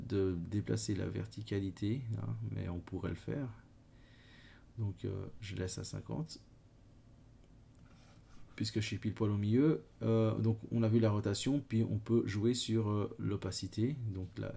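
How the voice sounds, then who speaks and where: A man's voice: lowish voice, fairly even intonation, moderate pace, creaky, warm tone. A man with a Swiss French accent explaining photo retouching step by step, hesitant and full of fillers as he works. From Switzerland. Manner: hesitant, many fillers, talks while working. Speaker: photo editing tutor. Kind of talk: screen-recorded software tutorial.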